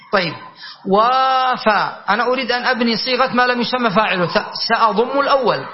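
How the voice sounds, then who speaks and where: A man teaching an Arabic grammar class, explaining rules, reciting verse lines slowly and quizzing his students. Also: very high-pitched, dull audio, slight background noise. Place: classroom with a board.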